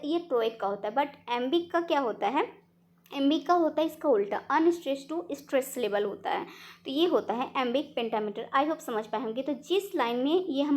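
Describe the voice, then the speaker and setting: A young woman with an Indian accent gives an exam-prep lesson in a high, light voice. She explains patiently, often pausing to ask her listeners a rhetorical question. She reads the English definitions slowly and deliberately. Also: darkish tone. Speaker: teacher.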